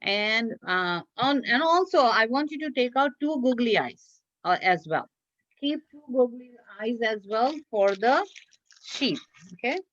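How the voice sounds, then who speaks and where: Unhurried and fairly high-pitched, a woman with a bit of brightness and lively intonation walks children through a craft, repeating each simple step to encourage them. The dull lo-fi online class recording has no echo.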